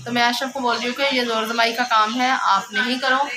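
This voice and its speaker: A woman's voice: on the high side, steady tone, a little fast. A woman in her thirties, a mother chatting casually to camera in a rambling home vlog. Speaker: vlogger, mother. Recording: loud background noise.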